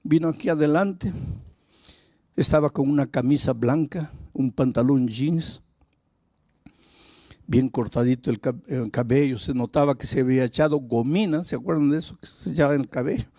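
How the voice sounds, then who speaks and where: A man's voice: mid-range voice, normal speed, dark tone, no room sound, studio quality. A male pastor preaching a sermon, telling a story dramatically and vividly.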